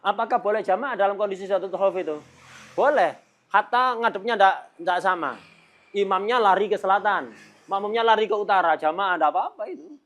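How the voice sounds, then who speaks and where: Male religious teacher, middle-aged, slightly high voice, playful and laughing between points. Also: expressive, fairly quick, a bit bright. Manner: jokey, laughs often, mimics chatter. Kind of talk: Islamic law lesson.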